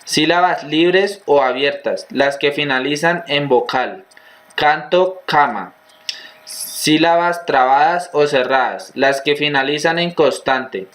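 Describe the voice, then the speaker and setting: A man reading a grammar lesson aloud in a steady, measured, list-like way. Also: a little high.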